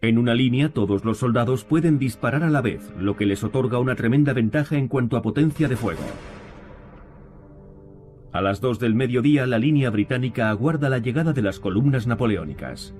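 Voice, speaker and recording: A man's voice: mid-range voice, expressive, fairly quick, a little mellow. A man reading scripted narration for a history documentary. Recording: music behind the voice.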